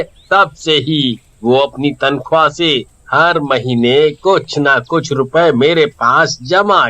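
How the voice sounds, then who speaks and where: Guy doing a smug greedy cartoon master, drawls super slow, bright edgy voice. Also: fairly high pitch. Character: greedy rich male master, gloating.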